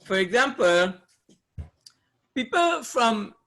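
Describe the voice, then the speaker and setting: His pitch is extremely high, with a sharp, sing-song quality and a slow pace. The man, a Caribbean trainer from Trinidad, runs an informal seminar for a live audience, speaking conversationally, repeating phrases, and quizzing his listeners in a Trinidadian accent.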